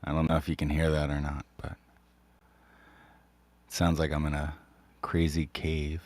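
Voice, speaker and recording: A man hosting a casual live stream, his voice washed in a cave-like reverb from his mic setting. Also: a bass voice. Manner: relaxed, slow, chatty. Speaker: livestream host. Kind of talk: casual chat with live viewers. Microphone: recording mic with a reverb setting.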